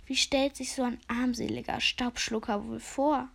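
A woman's voice: fairly high pitch, fairly even intonation, moderate pace, gravelly, a bit bright. Woman doing a storybook lizard official, male, nasal, lazy, condescending, pompous. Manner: condescending, drowsy.

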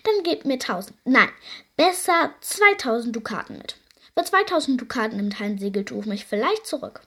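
A woman reading a storybook voices a bossy, cunning young woman who orders her captors around in a bright, insistent way. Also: on the high side, very animated, normal speed, full character voice. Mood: cheerful bossy.

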